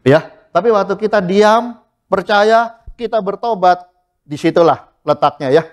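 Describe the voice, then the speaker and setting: A middle-aged man preaching in a church with a high, light voice. He talks lively and casual, slips English words in and acts out the people he quotes. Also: measured pace. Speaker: pastor. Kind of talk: sermon.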